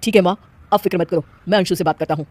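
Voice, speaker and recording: A woman's voice: fairly low pitch, very fast, a little mellow, dry recording, lightly acted. A woman voicing a young husband in a cartoon, speaking in a plain, reasoning tone. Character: young husband, patient then annoyed.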